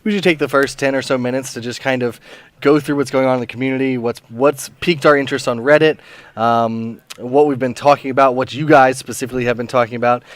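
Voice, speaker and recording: A man with a sore, hoarse throat hosting a casual livestream chat, playful and joking, with many ums and restarts. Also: medium pitch, fairly even intonation, fast, no echo. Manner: playful, joking, lots of ums and self-interruptions. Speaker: assistant community manager, stream host.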